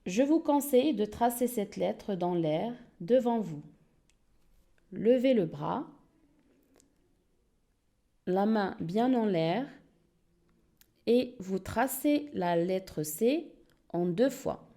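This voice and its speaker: A woman teacher runs an early-reading lesson for young learners at a very slow, deliberate pace. Her mellow, mid-range voice rises and falls in a lively sing-song way. She speaks clearly and repeats each word so the pupils can echo it.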